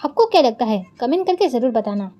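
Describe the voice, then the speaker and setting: High-voiced woman retelling a drama. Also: very animated, fast, dark tone. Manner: chatty, retells every line of dialogue and adds asides to viewers. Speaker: drama recap narrator. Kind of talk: casual storytelling recap.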